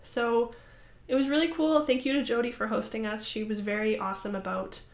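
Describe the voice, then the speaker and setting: In an echoey, roomy space, a young woman running a crafting podcast speaks to the camera in a slightly high, steady voice at a brisk pace. Her casual talk is rambling and apologetic, packed with fillers.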